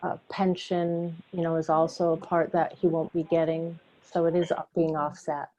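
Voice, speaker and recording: A woman's voice: deep voice, level tone, normal speed, dark tone. A woman serving as a town finance officer, answering budget questions in a matter-of-fact way over a video call. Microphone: computer mic on a video call. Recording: dull lo-fi call audio.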